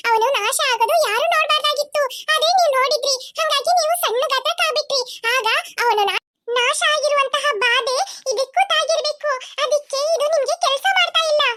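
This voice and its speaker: A woman voicing a tiny, gentle female sparrow in a cartoon, soothing and sympathetic. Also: extremely high pitch. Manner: soothing, sympathetic, calls everyone friend. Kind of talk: cartoon voice acting. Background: children's music.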